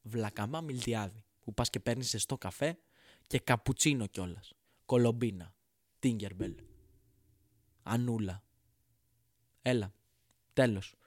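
A man's voice: medium pitch, pauses often, dry recording, studio quality. A man delivering a sarcastic, profane, exasperated comedic rant straight to the audience. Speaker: comedian ranting to camera.

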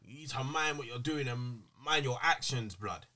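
A man's voice: medium pitch, moderate pace, sharp tone. A man with a London roadman style British urban accent, chatting casually on a podcast in emphatic, repetitive street slang. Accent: British urban street (London roadman style MLE).

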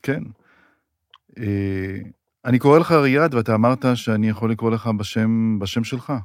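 A man's voice: on the low side, no echo, clean studio sound. A man with an Israeli accent, speaking as a podcast host who introduces and interviews.

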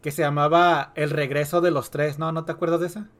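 A man's voice: a little high, little pitch movement, fairly quick, a bit bright. A Mexican man hosting a podcast, chatting casually about music in a slangy, rambling way. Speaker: podcast host. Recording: music behind the voice.

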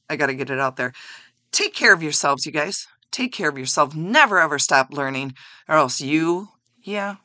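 A woman's voice: sits low, no room sound. Blunt, chatty woman podcast host. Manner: blunt, chatty and animated, with mild swearing. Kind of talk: motivational self-help podcast talk.

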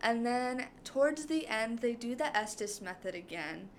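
A woman's voice: fairly high pitch, lively intonation, a little slow, a little hiss or hum. A young woman co-hosting a podcast, recapping a show in casual chat, rambling with many fillers. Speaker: podcast co-host.

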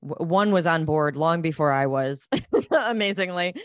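A woman's voice: low voice, animated, moderate pace, no echo, studio quality. A speaker with a woman's voice from upstate New York, thinking aloud in a casual podcast chat with many "like"s.

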